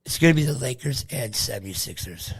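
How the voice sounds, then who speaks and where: A man's voice: mid-range voice, lively intonation, brisk, creaky, breathy edge. An older man chatting casually about sports and history with his son, rambling, trailing off and laughing often. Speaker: guest, host's father. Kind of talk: casual chat.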